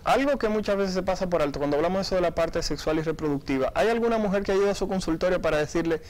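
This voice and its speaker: A man's voice: sits high, racing, darkish tone. A man hosting a radio call-in health show, politely putting listener questions to a doctor. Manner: polite, apologetic about line problems. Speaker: radio talk show host.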